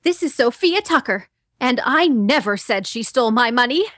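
Woman doing a proud young female reporter, high voice, smiling delivery, dry sound. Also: animated, moderate pace, no echo. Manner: bright, smiling character read.

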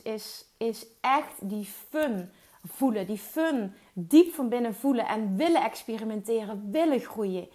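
Woman, high voice, energetic solo business-coach podcaster. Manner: energetic, mixes English words into Dutch, emphatic repetition. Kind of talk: solo motivational podcast talk.

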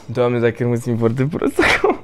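A man's voice: mid-range voice, wildly swooping pitch, background noise. Guy chatting loose with friends, laughs a lot, swears, voice swings all over. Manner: laughs often, swears casually. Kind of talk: casual chat.

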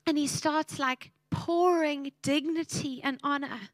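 A woman's voice: high-pitched, steady tone, measured pace, no room sound. A woman, preaching a sermon and telling a family story in a heartfelt, emotional way. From South Africa.

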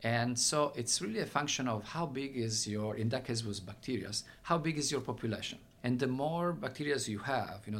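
A mid-range, slightly bright voice belongs to an Italian man with a thick accent who directs a research center. Answering interview questions about his research, he uses many fillers and restarts, and faint background noise can be heard.

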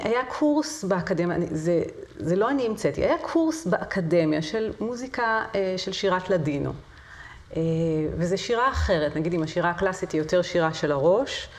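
A woman's voice: fairly low pitch, a little mellow. A middle-aged woman, a singer and voice teacher, telling her story as an interview guest, vivid and with hesitant fillers. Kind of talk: conversational interview.

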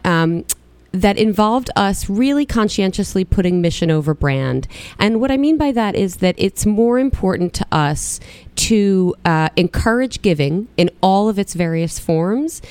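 A woman's voice: lowish voice, a little mellow, smooth, dry recording. A woman guest being interviewed in a studio, her voice scratchy from a recent illness, explaining at length with frequent fillers. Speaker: podcast guest.

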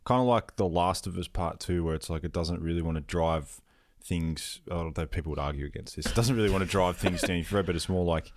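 A man co-hosting a casual film review podcast, thoughtful and measured. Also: low voice, a little mellow, no room sound, studio quality. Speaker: podcast co-host.

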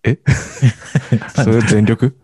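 A man's voice: mid-range voice, steady tone, drawn-out words, a little mellow, husky, dry recording. A man co-hosting a casual podcast, mumbling and teasing his co-hosts with frequent laughter. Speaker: podcast co-host.

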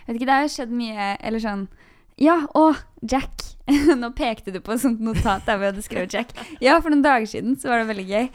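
A young woman in a casual conversation about faith, talking in a chatty, lively way and laughing easily. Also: fairly high pitch, few pauses.

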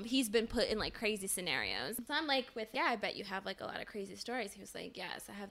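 Bright-voiced woman telling a chatty story. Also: medium pitch. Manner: chatty, many "like" fillers, laughs between phrases. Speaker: podcast co-host. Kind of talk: casual conversational storytelling.

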